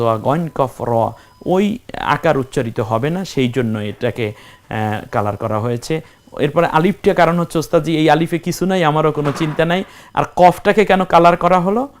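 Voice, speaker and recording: A man teaching Quran reading, asking questions and answering them himself while spelling out letters one at a time. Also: on the high side. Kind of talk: step-by-step recitation lesson.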